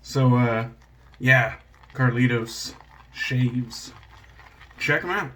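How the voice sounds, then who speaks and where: A relaxed man talks his way through a shave in his home bathroom, meandering from one thought to the next. He pokes fun at himself and drops the odd curse, keeping it loose and conversational. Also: medium pitch, extremely slow. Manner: laid-back, rambling, self-deprecating, swears casually. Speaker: shaving channel host. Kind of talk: casual vlog chat while shaving.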